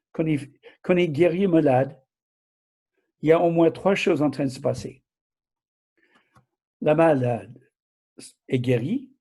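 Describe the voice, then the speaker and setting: An older man in his sixties or beyond, a preacher, speaks in a high-leaning, mellow voice with a breathy edge. His accent blends southern French and American, and he teaches the Bible informally in slightly broken, hesitant French, frequently correcting himself and checking in with his listeners.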